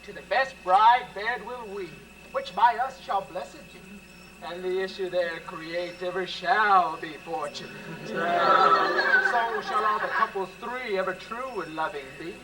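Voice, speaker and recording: A man's voice: high-pitched, measured pace. A lilting fairy king. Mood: blessing. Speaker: stage actor. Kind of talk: Shakespearean stage acting. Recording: distant stage mic, faint noise.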